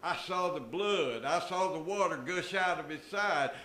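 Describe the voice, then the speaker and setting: Older man, preaching, slow and bright, echoey church. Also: a little high. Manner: preaching with emphatic rises and drops, quoting scripture figures. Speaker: pastor. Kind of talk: sermon. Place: church sanctuary, at a pulpit.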